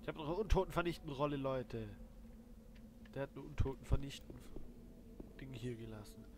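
Casting: male let's play host, medium pitch, colloquial thinking-aloud commentary, loud game noise behind him. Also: moderate pace. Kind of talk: casual gameplay commentary. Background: video game sounds.

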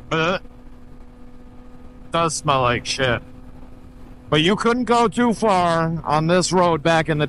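A man talks through a helmet mic while riding a motorcycle. He takes his time and is laid-back and a little crude. His voice sits fairly high, and the highway hum stays faint behind him. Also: fairly bright tone, low-quality recording. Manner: laid-back, swearing, chatty. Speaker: motovlogger. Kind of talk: casual ride commentary. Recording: wind and engine noise behind.

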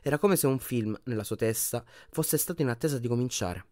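A man narrating an audiobook in an expressive reading voice that often drops to a hushed tone. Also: medium pitch, a little fast, no echo, clean studio sound. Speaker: audiobook reader.

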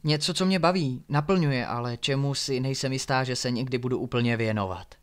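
A man's voice: mid-range voice, clear, resonant tone, natural voice. A man voicing a young woman who dreams of doing something but doubts herself, in a storybook reading. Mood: wistful.

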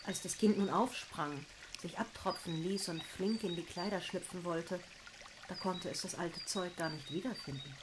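Calm woman telling a fairy tale. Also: fairly low pitch, moderate pace, background noise. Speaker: storyteller.

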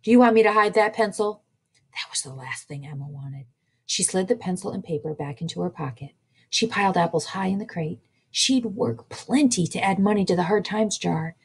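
Breathy woman reading a picture book aloud. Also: fairly low pitch. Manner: slow, expressive storytelling. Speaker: children's librarian.

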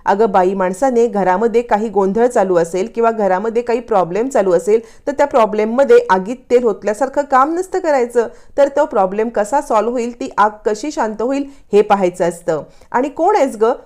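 Give me a sharp, scolding grandmother, voiced by a woman narrator. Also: on the high side, brisk, few pauses, natural voice. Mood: defensive.

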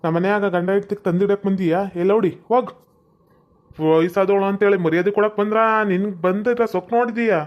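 A fed-up young husband played by a woman with a North Karnataka Kannada accent, snapping back quickly in an ordinary mid-pitched voice. He scolds with short, exasperated bursts, the way a man in a comic village family skit would. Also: fairly even intonation, dull audio, lightly acted.

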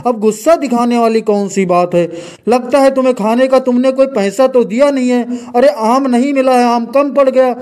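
A man's voice: very high voice, dark tone. A man voicing several characters in a cartoon comedy sketch, trading quarrelsome, scolding banter. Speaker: comedy voice artist.

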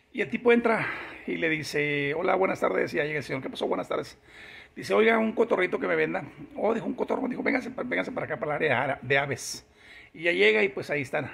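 A man's voice: fairly high pitch, creaky, fairly bright tone, husky. A man telling a long joke, chuckling as he goes and acting out each character's lines. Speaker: joke teller.

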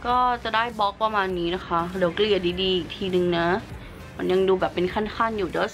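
A woman's voice: medium pitch, steady tone, quick pace, slight background noise. A woman beauty vlogger giving a chatty, upbeat makeup review and explaining each step as she works. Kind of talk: casual makeup tutorial and product review.

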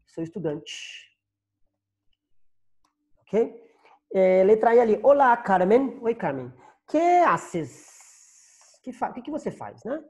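A man's voice: high-pitched, big pitch swings, takes it slowly, long pauses, a little mellow. A man with a Brazilian Portuguese accent teaching an online Spanish class, patiently repeating and translating each phrase.

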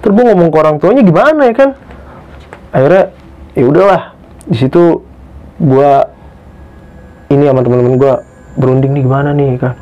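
A young man tells a true ghost story from a hike as a guest in casual talk. He gets excitable and keeps addressing the host as "Bang". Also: fairly quick, pauses often. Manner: excitable, pitch jumps when tense, keeps calling the host "Bang". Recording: dull lo-fi podcast recording.

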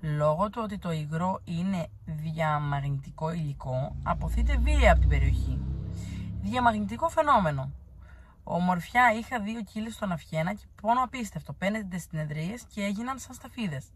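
A woman's voice: fairly low pitch, lively intonation, background noise. A woman from Crete, answering viewer comments in a blunt, teasing, chatty way. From Crete, Greece. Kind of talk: casual chat.

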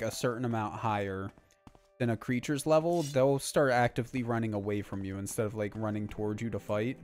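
Young male game streamer, casual and rambling, mid-pitched voice, faint game music underneath. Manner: rambling and relaxed, heavy on filler words. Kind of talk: casual live-stream chat while playing.

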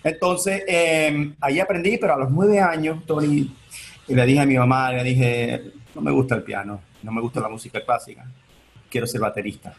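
With a medium-pitched voice showing vocal fry and a normal speed, a Venezuelan-born, US-raised entertainment attorney in his forties answers interview questions as a guest. He's on a video call from his home office, talking chattily with many fillers and restarts and gesturing as he goes.

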